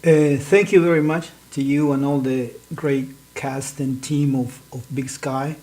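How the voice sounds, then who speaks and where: Male guest from northern Peru, level monotone, halting speech. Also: mid-range voice, rough recording. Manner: hesitant, repeats words. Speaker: interview guest, cast member.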